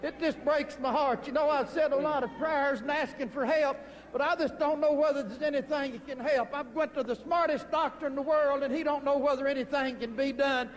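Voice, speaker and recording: High-pitched older man pleading. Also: big-room sound, poor audio. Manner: whiny self-pitying, then shouting and preaching. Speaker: wrestling manager. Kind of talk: wrestling promo.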